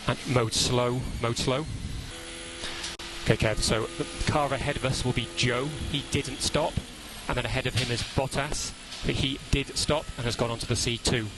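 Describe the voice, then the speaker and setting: A man's voice: medium pitch, steady tone, brisk. A man working as a race engineer gives terse pit radio calls in a clipped, instructional, matter-of-fact way over team radio. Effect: team radio transmission. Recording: very noisy radio with engine noise.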